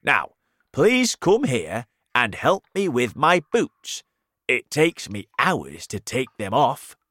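A man voicing a cheerful, boastful male centipede in a storybook reading, speaking loudly and heartily. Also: medium pitch, wildly swooping pitch, slow, dry recording, voice pushed up, exaggerated voice.

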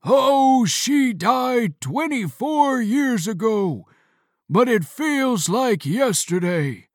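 Woman voicing a very old man, booming and slow, lonely and gentle, dry close sound. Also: animated, no room sound. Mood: wistful. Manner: speaks extremely loudly and slowly. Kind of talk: audiobook reading.

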